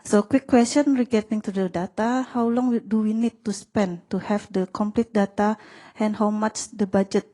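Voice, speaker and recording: A woman's voice: mid-range voice, steady tone, normal speed, few pauses, warm tone. A woman from Indonesia, a city planning official asking a panel a question and searching for her words.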